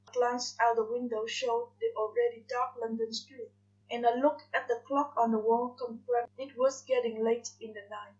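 A woman reading fanfiction aloud in soft, measured narration. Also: on the high side, level tone. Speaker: fanfiction reader. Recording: dull lo-fi recording.

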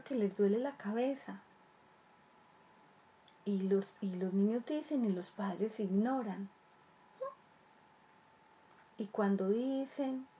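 A woman's voice: medium pitch, warm tone. A woman talking earnestly to parents about raising children, repeating phrases and asking rhetorical questions. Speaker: child development speaker. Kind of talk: explanatory talk to parents.

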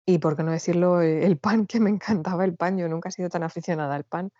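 Lively woman chatting, dull dry sound. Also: fairly low pitch, fast talker, no echo. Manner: animated storyteller, acts out quoted dialogue. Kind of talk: casual chat. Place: Spain, back from living in France.

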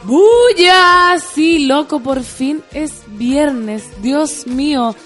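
Chilean woman, morning radio host, high bright voice, playful and jokey, music faint underneath. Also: expressive, very slow. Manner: playful, joking, rambling. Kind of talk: morning radio chat reading listener messages. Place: radio studio.

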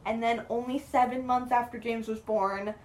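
A woman's voice: a little high, fairly even intonation, normal speed, darkish tone. A young woman co-hosting a podcast, chatting casually and rambling through a TV recap with lots of filler words. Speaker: podcast co-host. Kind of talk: casual chat recapping a TV show.

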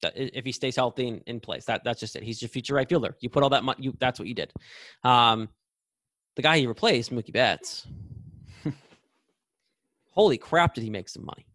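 A man's voice: mid-range voice, fairly quick, pauses often, a bit bright, no echo, clean studio sound. Blunt opinionated young man ranting. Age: 20s. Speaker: podcast co-host. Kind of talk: casual sports chat.

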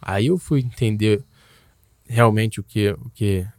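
A man's voice: on the low side, slow, darkish tone, dry recording, studio quality. A young man, telling a personal story in a loose, slangy way, full of restarts and tags. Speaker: guest.

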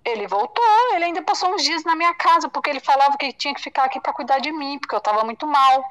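A Brazilian woman giving an emotional personal testimony in an interview, halting and repeating herself as she acts out past conversations. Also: sits high, sharp tone, poor audio. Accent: Brazilian Portuguese.

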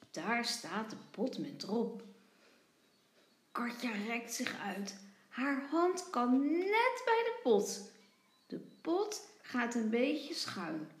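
A woman kindergarten teacher reading a picture book aloud to young children, with expressive storytelling. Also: on the high side. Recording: roomy, echoey sound.

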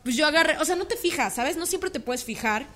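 High bright Mexican woman rambling slangily. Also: animated, brisk. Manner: rambling, slangy, peppered with "güey". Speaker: co-host. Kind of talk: casual chat, storytelling.

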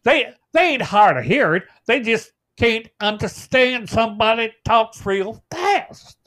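A man's voice: high-pitched, sing-song, unhurried, sharp tone, heavily acted. A man playing a folksy old farmer co-hosting a comedy show, with homespun rural talk. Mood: deadpan folksy. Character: folksy old male farmer, cheerfully confident. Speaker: co-host. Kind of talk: comedic character banter.

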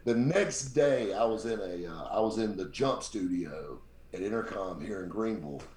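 A very deep-voiced man, himself a radio show host, tells stories as a podcast guest in a casual chat at a moderate pace. He is animated and imitates the voices of people in his tales, in an echoey room.

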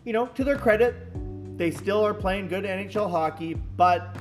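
Chatty man, slightly high voice. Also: moderate pace, soft background music. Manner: chatty, talks in long runs with restarts and fillers. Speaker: podcast co-host. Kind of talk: casual sports podcast chat.

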